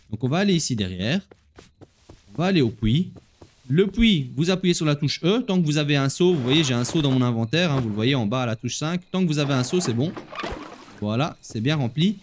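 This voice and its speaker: Man, gameplay commentary, chatty, very animated pitch, playful. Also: moderate pace, a little hiss or hum. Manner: chatty, talks straight to viewers while playing; playful, laughs at himself. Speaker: gaming video host.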